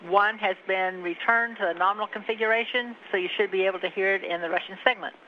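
A woman ground controller making a brisk, procedural radio call to a space station crew over a mission radio transmission. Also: mid-range voice. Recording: muffled radio loop with faint hiss.

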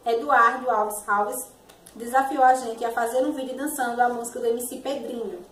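A woman's voice: a little high, steady tone, moderate pace, fairly bright tone. A young woman with a Brazilian accent chatting casually as host of a challenge video and reading out dares. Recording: roomy, distant mic, faint noise.

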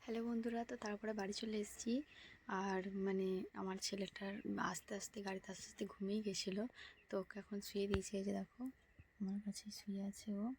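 A young woman speaking in a hushed, whispered vlog voice at home so her sleeping child won't wake, in whispered role-play style. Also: mid-range voice, little pitch movement, fast talker, slight background noise. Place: home, indoors at night.

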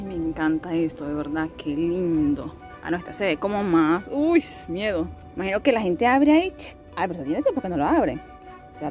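A woman vlogging as she tours an outdoor cemetery, chatty and exclamatory, wondering aloud about what she sees. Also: on the low side. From Venezuela. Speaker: travel vlogger. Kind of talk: casual tour commentary.

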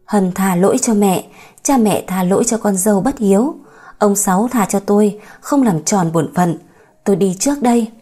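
A woman's voice: medium pitch, moderate pace, warm tone, husky, soft background music, close to an everyday voice. A woman voicing a harsh, controlling old mother in an audiobook story, dramatic and scolding. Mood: weak.

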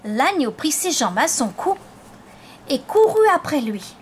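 A woman reading a picture book aloud to children, with slow, clear storytelling. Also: sits high, big pitch swings, slight background noise. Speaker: storybook reader. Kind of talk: children's read-aloud narration.

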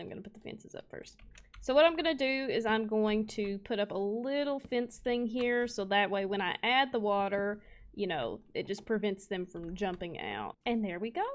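A woman's voice: on the high side, fairly bright tone. A young woman hosting a casual let's play, chatting playfully to viewers and to the animals in her game. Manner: chatty, talks to cows and viewers, playful exclamations. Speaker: gaming channel host.

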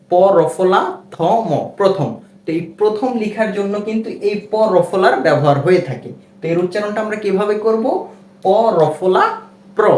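A man's voice: high voice, a little mellow, roomy sound. A man with a Bangladeshi Bengali accent teaching a reading lesson, patiently spelling out and repeating each sound.

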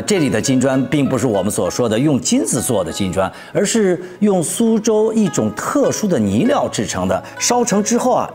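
A man's voice: mid-range voice, darkish tone. A man presenting in a conversational, explanatory storytelling style, posing questions as he explains. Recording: music under the voice. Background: background music.

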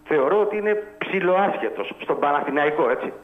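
A man's voice: fairly high pitch, lively intonation. A man calling in to a radio show, talking football in a heated, emphatic and blunt way. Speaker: radio caller. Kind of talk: heated call-in football talk. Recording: tinny phone line.

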